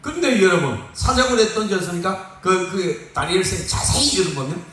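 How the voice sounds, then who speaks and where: Man preaching a sermon, animated and joking, high voice, roomy echo. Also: moderate pace. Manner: lively, joking, laughs often. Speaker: pastor. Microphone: phone far off in the room. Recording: echoey room from far off on a phone.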